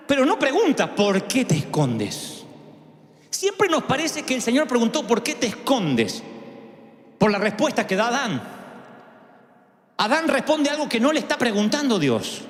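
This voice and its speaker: A man's voice: extremely high pitch, a bit bright. A male preacher giving a sermon in a dramatic way, acting out quotes with big swings in his voice. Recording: echoey hall with long reverb.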